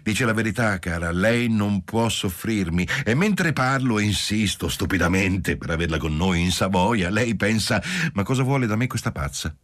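A man reading an audiobook voices a passionate, desperate society woman who talks in a lively, insistent, pleading way. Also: fairly low pitch, moderate pace, hardly any pauses.

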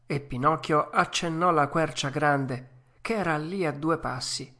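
Female audiobook narrator: deep for a woman, unhurried, measured, gentle storyteller. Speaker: audiobook reader. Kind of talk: audiobook narration of a classic children's tale.

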